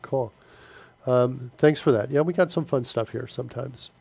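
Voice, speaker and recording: This coding streamer has a medium-pitched, gravelly, dark voice at a moderate pace, plus a stuffy nose. He chats casually with viewers, heavy on fillers, responding to chat as he works, with slight background noise.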